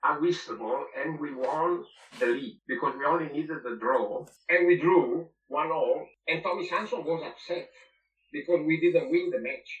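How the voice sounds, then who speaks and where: Former goalkeeper reminiscing, distant roomy sound. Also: male voice, on the high side, moderate pace, dull audio. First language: not English. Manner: emphatic, repeats phrases for emphasis. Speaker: former football goalkeeper, guest. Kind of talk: reminiscing interview.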